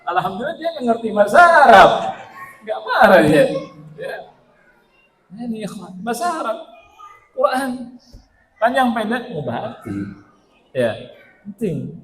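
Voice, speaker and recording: Animated Indonesian man teaching in an echoey mosque hall. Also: sits high, a little slow, pauses often, slight background noise. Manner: animated, playful, quizzes the audience with rhetorical questions. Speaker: religious teacher. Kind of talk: lively mosque lecture.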